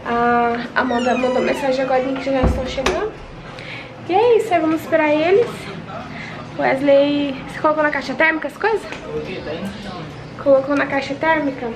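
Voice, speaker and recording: A young Brazilian woman with a high voice narrates her family day to her viewers. She talks in a chatty, unhurried way into a handheld camera at home. Steady household noise stays audible behind her. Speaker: vlogger. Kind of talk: casual family vlog narration. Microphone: handheld vlog camera.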